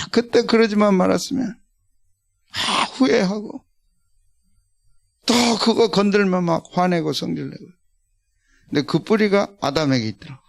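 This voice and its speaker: A man's voice: high voice, gravelly. An older man, a senior pastor, preaching a conversational, emphatic sermon and calling out to his congregation.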